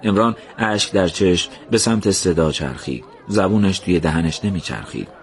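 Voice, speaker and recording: Low voiced guy telling a story, slow and somber. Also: animated. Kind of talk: scripted story narration.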